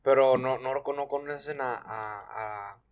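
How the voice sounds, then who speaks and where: A man's voice: mid-range voice, slow, clear, resonant tone. A young man hosting a casual podcast chat, slangy and full of restarts, at a desk mic in a small studio. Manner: relaxed slangy questioning with many restarts. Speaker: podcast host. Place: small studio with blue wall.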